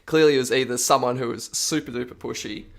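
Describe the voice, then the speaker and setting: An Australian man co-hosts a casual podcast chat, rambling through absurd theories and laughing often. He talks fast in a mid-range voice with vocal fry.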